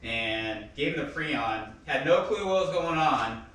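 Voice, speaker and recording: A man giving a casual eulogy for his father, telling stories, laughing and loudly quoting outbursts. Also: medium pitch, animated, measured pace. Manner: chatty storytelling with laughs and loud quoted outbursts. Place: funeral service hall. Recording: echoey hall from far off.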